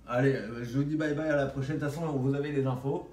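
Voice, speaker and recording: A man's voice: mid-range voice, fairly even intonation, fast, a little mellow. A man with a slight lisp and whistled S sounds, rambling bluntly and casually in slang like a vlogger. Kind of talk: casual vlog monologue. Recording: roomy echo, distant microphone.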